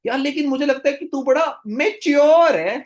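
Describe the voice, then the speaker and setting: A man putting on a comic impression of a flattering man who is coaxing a friend, in a drawn-out, wheedling voice. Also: very high-pitched, voice pushed up.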